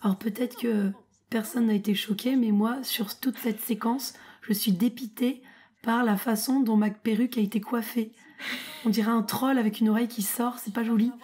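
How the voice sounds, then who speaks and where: A woman's voice: a little high, steady tone, normal speed, a little mellow, husky. A woman guest in a casual commentary chat, recovering from illness with her voice nearly gone, teasing and playfully complaining.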